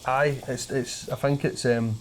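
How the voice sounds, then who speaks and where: At a slightly slow pace, a medium-pitched man with a steady tone and heavy, broad Glaswegian accent talks colloquially as a podcast guest. The Glasgow stand-up uses broad Scots wording, some swearing and the odd slight stutter, with a little hiss or hum audible.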